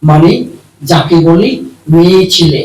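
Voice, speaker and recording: Brief: man playing a gruff, exasperated puppet gentleman, roomy far-off sound with music. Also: fairly high pitch, fairly even intonation, a little slow, pitched below the performer's own voice, natural voice. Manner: exasperated, insistent. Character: patient, flustered grown man puppet. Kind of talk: live puppet show voice.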